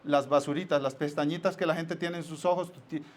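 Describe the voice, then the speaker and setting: A man's voice: a little high, a little fast. A man preaching a sermon as pastor, telling stories and acting out little scenes as he goes. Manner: lively storytelling with acted-out asides.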